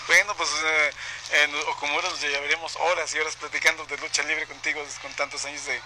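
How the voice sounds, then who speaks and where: A man hosting a radio talk show with joking, lively banter. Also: on the high side, fast talker, slight background noise, low-quality recording. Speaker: radio host.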